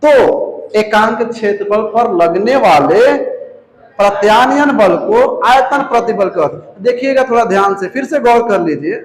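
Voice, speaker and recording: A man with a very high voice teaches a physics class in a roomy space that echoes. He speaks with a touch, keeps repeating key terms and quizzing students. He calls the students "babu". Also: animated, unhurried. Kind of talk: classroom lecture. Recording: echoey room.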